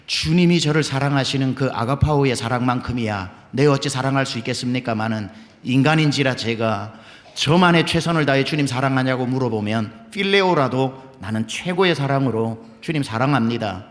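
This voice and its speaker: A man's voice: medium pitch, fairly quick, natural voice. A man voicing Peter as a remorseful grown fisherman, earnest and self-doubting, with a long church reverb. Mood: earnest, pleading.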